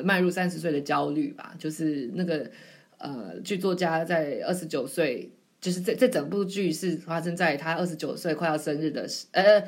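A woman, chatting on her own podcast in a rambling, self-mocking way. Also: sits low. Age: 20s. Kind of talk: casual solo storytelling.

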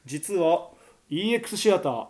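A man's voice: high voice, very animated, normal speed, a little mellow. A man co-hosting a casual podcast chat, reading out listener mail and teasing his partner with easy laughs. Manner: chatty, teasing, laughs easily. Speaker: podcast co-host.

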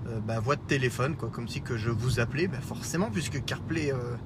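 A podcast host with a Lorraine French accent rambles through a casual solo episode, recorded on a smartwatch mic while he drives, and the audio is very noisy. His voice is mid-range and fairly quick, full of fillers and self-corrections, and he pokes fun at himself in a self-deprecating way.

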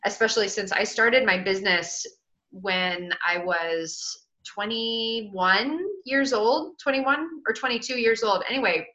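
Thirties woman, healing practitioner, reflective and bright-toned, dull lo-fi recording. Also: medium pitch. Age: 30s. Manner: reflective, searching for words. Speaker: business owner in a healing practice. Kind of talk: casual chat. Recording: dull lo-fi sound.

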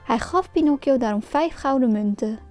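A woman narrating a children's storybook gently and expressively. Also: high voice, expressive, normal speed, faint music behind.

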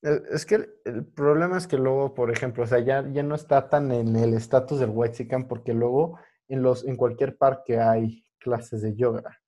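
Mexican guy podcast host, soft mellow voice, super slangy, throws english words in, just chatting. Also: medium pitch, steady tone, normal speed, hardly any pauses, highs cut off. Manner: slangy young urban Mexican speech with English words mixed in. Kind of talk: casual podcast chat.

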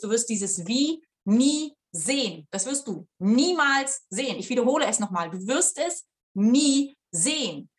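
A woman talking as a life coach, addressing viewers directly in a blunt, colloquial way and slowing down to stress her key points. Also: high voice, a bit bright. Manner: blunt, colloquial, swears casually. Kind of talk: motivational coaching talk to viewers.

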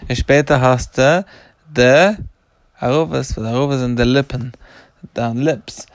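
Gravelly middle-aged rabbi, patient teacher. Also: male voice, medium pitch, unhurried, no room sound, clean studio sound. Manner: patient, repetitive listing, devout thanks. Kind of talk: explaining and teaching a child.

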